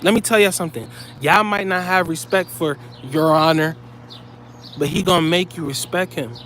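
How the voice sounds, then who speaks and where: A man's voice: fairly high pitch, moderate pace, a bit bright, slight background noise. A man delivering heated, profane commentary straight to his viewers, blunt and scolding.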